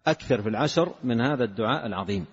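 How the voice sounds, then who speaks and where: A man's voice: medium pitch, lively intonation, very fast, husky. A man giving a sermon, telling a story with earnest advice and voicing the people he quotes. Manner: earnest, tells a story and acts out quoted speech. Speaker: Islamic scholar. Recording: dull, hollow hall recording.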